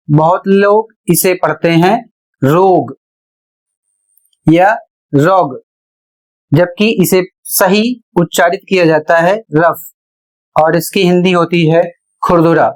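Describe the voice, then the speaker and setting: A man teaching a spelling and pronunciation lesson, spelling words out letter by letter in a slow, deliberate way. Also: sits high. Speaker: English teacher.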